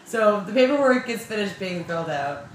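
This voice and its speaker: A young woman tells a story in a casual vlog, animated and freely swearing, often poking fun at herself. Her mid-pitched voice sounds roomy, with a faint hum of ambience behind her. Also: normal speed. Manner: animated, profane, self-mocking. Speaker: vlogger.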